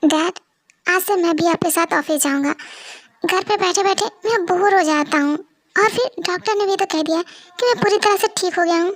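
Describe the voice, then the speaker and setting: A woman's voice: extremely high pitch, normal speed, no echo. A woman voicing a cold, curt young widowed husband in a dramatic fan story reading, with a stern, clipped delivery. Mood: cheerful. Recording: soft music behind.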